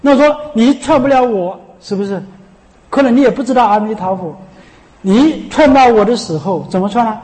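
A man with a very high voice preaches as a Buddhist monk, asking his listeners rhetorical questions and breaking into a chant of a sacred name as he teaches. His words ring out with a long echo that trails behind each phrase. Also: expressive, moderate pace, darkish tone. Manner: often asks rhetorical questions. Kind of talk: sermon. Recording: long hall reverb.

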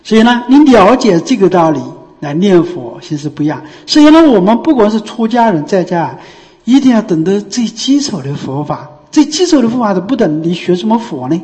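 Dharma-talk teacher, mid pitch, explains patiently with rhetorical questions, recorded with long hall reverb. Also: very animated, brisk, darkish tone. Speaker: Buddhist teacher.

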